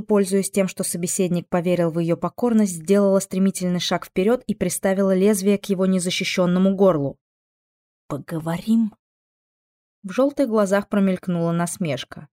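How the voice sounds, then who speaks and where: A woman narrating a fantasy audiobook in a steady, even storytelling manner. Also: mid-range voice, fairly quick, hardly any pauses, no room sound, clean studio sound. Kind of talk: scripted narration.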